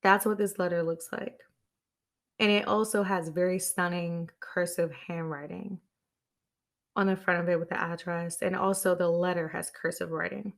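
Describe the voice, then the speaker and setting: A woman's voice: fairly low pitch, fairly even intonation, normal speed, gravelly. A woman podcast host talking on her own to her listeners. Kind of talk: solo podcast talk.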